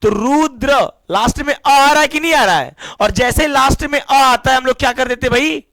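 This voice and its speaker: High-voiced energetic teacher. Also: male voice, a little fast, dry recording. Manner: energetic call-and-response questioning. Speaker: English teacher. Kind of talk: classroom lesson.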